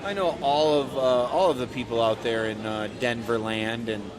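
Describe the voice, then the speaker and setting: A man calling play-by-play for a curling broadcast in a relaxed, hesitant way, with frequent fillers. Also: mid-range voice, moderate pace, crowd noise, low-quality recording. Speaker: play-by-play commentator. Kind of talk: casual sports commentary. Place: indoor curling center. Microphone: shared desk mic.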